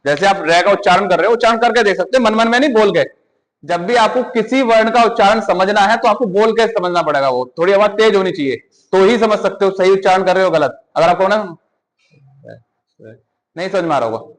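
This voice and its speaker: Hindi teacher guy, fairly high voice, keeps quizzing the class and saying sounds over and over. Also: poor audio. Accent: Hindi, north Indian. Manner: asks the class questions and answers them himself, repeats sounds slowly. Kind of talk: classroom-style grammar lesson.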